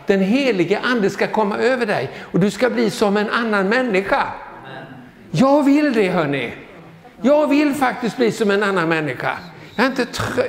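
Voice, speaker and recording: A man in his sixties giving a lively charismatic sermon, exclaiming hallelujah and joking with the congregation. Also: very high voice. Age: 60s. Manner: exclamatory, peppers talk with hallelujahs, joking asides. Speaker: guest preacher. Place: church sanctuary. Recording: echoey church hall with long reverb.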